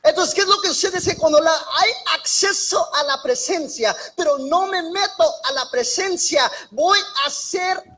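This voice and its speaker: A woman delivers a church sermon in a high, bright voice. She talks haltingly, repeating and restarting words as she goes. She breaks into lively, joking asides between her points. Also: poor audio. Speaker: preacher.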